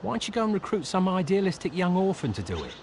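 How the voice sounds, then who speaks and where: An actor playing a sarcastic, greedy mercenary bard in a video game cutscene, mocking and impatient. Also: male voice, high-pitched, wildly swooping pitch, fast, noisy background, full character voice. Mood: scornful.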